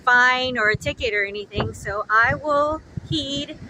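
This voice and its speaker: Soft-spoken woman vlogging from her van. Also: high-pitched, measured pace, background noise. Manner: soft-spoken, thinking aloud. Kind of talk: casual vlog narration. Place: van and beach.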